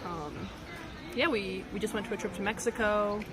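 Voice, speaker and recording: A woman's voice: mid-range voice, normal speed. A young woman from Boston, a tourist answering interview questions in a casual, chatty way with many fillers. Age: young adult. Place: outdoors on a city street. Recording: loud outdoor street noise.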